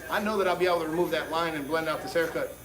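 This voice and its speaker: A man's voice: a little high, rapid-fire, roomy sound, crowd noise. A man hosting a live haircut tutorial as a barber, talking casually and in slang straight to his viewers. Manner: informal, slangy, addresses viewers directly. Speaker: barber and livestream host giving a haircut tutorial.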